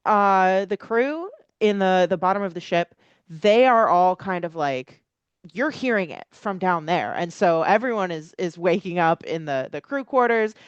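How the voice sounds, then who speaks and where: A woman's voice: medium pitch, smooth, no echo, highs cut off. A woman game master improvising tabletop narration, piecing descriptions together hesitantly as she goes.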